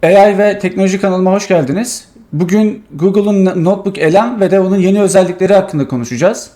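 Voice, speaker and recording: A man hosting his tech channel, casually walking through a software demo and thinking aloud with many fillers. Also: high voice, quick pace.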